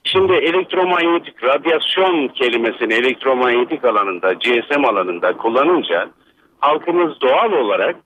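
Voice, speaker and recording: A man from Bursa, an electrical engineer, calling a radio show over a landline phone and explaining in a measured, lecturing way with many hesitant fillers. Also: medium pitch, expressive, slight background noise. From Bursa, Turkey. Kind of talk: explanatory call-in commentary. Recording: dull lo-fi phone line.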